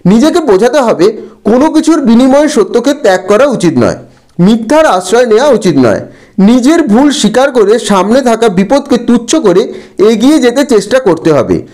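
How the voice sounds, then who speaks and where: A man, a teacher slowly going through textbook answers and spelling out words syllable by syllable. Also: extremely high pitch, very animated, darkish tone.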